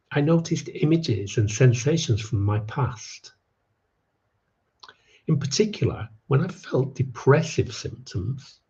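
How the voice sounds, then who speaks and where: A man's voice: lowish voice, vocal fry, darkish tone, muffled recording. A man telling his own life story to an audience, with wry, self-mocking asides. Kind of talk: personal storytelling talk.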